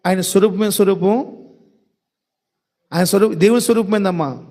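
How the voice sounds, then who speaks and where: A man with a high voice preaching a sermon. He fires off rhetorical questions and repeats them, slowing down to stress key words. He speaks to his listeners directly and fondly. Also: dark tone.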